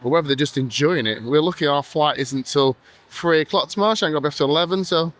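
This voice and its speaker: A man's voice: a little high, quick pace, fairly bright tone. A tired man hosting a casual travel vlog, chatty, jokey and rambling. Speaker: vlog host.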